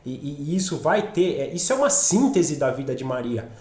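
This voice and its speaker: A man with a Brazilian Portuguese accent teaching a Bible study, talking with a cold that leaves his voice a bit rough, often checking in with his listeners. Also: on the high side, big pitch swings, brisk, a little mellow. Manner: conversational, asks listeners along, frequent "né?". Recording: roomy echo.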